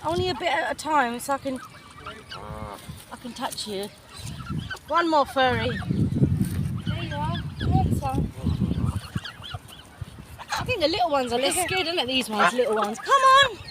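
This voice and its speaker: A woman's voice: high-pitched, expressive, moderate pace, long pauses. A woman chatting casually and cooing to young animals in an affectionate, playful way, often repeating words. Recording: very noisy outdoor recording with birds honking.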